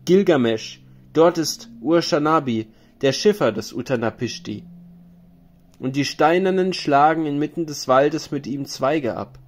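A man's voice: a little high, unhurried. A man voicing a wise female tavern keeper who gives stern counsel, in a grave, warning recitation.

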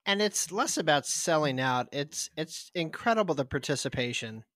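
A man's voice: on the high side, expressive, moderate pace, a bit bright, no room sound, clean studio sound. A man co-hosting a running podcast, chatting casually in a joking, self-mocking, upbeat way. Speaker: podcast co-host. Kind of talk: casual chat.

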